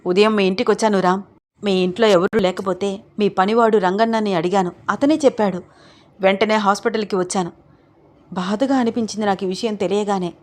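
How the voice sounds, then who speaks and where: A woman's voice: medium pitch, fairly even intonation, fairly quick, a little mellow, lightly acted. A woman voicing an angry older woman who scolds and interrogates in a read-aloud audio story. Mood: stern.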